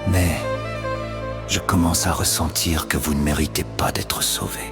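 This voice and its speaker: A man voicing a calm, judging male artificial intelligence through a robotic synthetic voice, speaking in slow, solemn declarations like cinematic trailer narration. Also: rumbling low. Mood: cold. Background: loud music.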